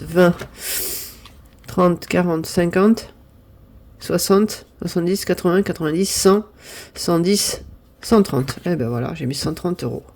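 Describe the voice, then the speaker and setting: A woman's voice: fairly low pitch, a little mellow. A woman in her fifties chatting casually at home as she sorts and counts her savings, apologizing often and exclaiming when pleased. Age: 50s. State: sniffling from pollen. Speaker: budgeting vlogger. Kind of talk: casual chat.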